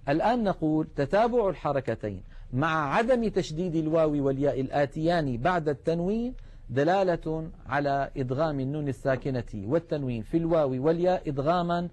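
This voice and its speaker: Measured man teaching recitation rules. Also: on the high side, darkish tone. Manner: measured, explanatory, slows to spell out examples. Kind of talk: televised tajweed lesson.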